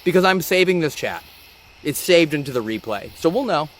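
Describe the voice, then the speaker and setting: Excitable man live-streaming outdoors. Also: on the high side, fairly quick. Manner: excitable, rambling, emotional. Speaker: ghost-hunting channel host. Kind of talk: live-stream vlog address. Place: outdoors by a rock wall during a thunderstorm. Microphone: phone or camera on a live stream.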